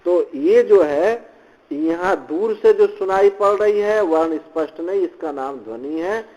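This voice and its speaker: A male swami teaching scripture, reciting Sanskrit lines and explaining them slowly in Hindi, often repeating phrases. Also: high-pitched, a little mellow, poor audio. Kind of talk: slow scripture commentary lecture.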